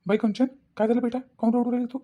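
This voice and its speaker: Lady doing a worried cartoon village dad, rapid-fire, keeps asking what happened. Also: fairly high pitch, level tone, warm tone, lo-fi sound, close to an everyday voice. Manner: anxious, repeats his questions. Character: worried village father, gentle and fussing. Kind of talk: cartoon voice acting.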